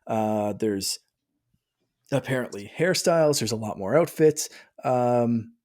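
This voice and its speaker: A man's voice: mid-range voice, lively intonation, slow pace, a little mellow. Chatty laughing man podcast host. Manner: chatty, laughs often, acts out quoted voices. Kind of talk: casual chat.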